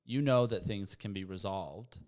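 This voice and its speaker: Guy in a group chat pushing back on a point, lowish voice. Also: normal speed, darkish tone. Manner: teasing, argues his point.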